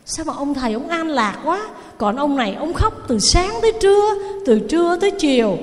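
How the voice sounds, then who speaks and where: Buddhist nun, lively storytelling sermon, high voice, long hall reverb. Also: female voice, moderate pace. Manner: animated, addresses the audience directly.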